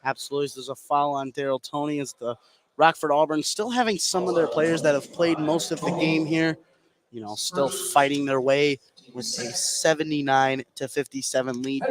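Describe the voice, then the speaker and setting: With a mid-range voice and moderate pace, a man works as a sports announcer doing live basketball play-by-play. He's courtside in an indoor high school gym, and loud ambience fills the noisy broadcast.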